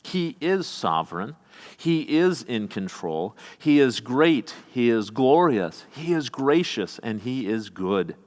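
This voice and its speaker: A man's voice: mid-range voice, big pitch swings, slow. A man with a Midwestern American accent preaching a sermon as pastor, reading scripture aloud and adding folksy asides. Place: church sanctuary. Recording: long church reverb.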